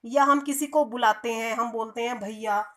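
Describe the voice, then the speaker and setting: Woman teacher, high voice, explains patiently to young pupils, answers her own questions. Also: steady tone, moderate pace, a bit bright. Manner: asks questions and answers them herself, addressing the children; stretches out vowel sounds to demonstrate. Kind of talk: online Hindi grammar lesson.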